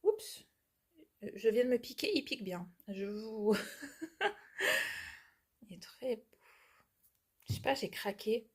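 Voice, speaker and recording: A woman with a stuffy nose from a cold, chatting casually through a craft unboxing and often dropping to a soft murmur. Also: fairly high pitch, takes it slowly, pauses often, breathy edge. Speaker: cross-stitch vlogger.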